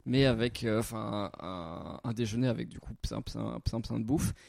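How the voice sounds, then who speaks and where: A man's voice: on the low side, normal speed, vocal fry, a little mellow, no echo. A man casually telling a long anecdote on a podcast, rambling a little as he goes. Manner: rambling storyteller, many fillers and restarts. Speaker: podcast co-host.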